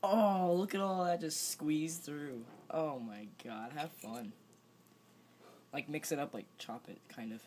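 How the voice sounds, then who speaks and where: A man's voice: on the high side, measured pace, darkish tone. A young man chatting casually as he films a home vlog on a handheld phone. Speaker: vlogger filming a challenge. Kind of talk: casual chat. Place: indoors at home, kitchen and carpeted room. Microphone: handheld phone camera, held by speaker. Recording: home video with background noise.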